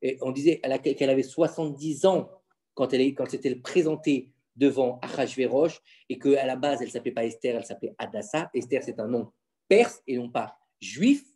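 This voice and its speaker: Animated father quizzing his children. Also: medium pitch, a little fast. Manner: animated, quizzing listeners with questions; insistent, keeps the floor. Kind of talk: casual Torah lesson at home.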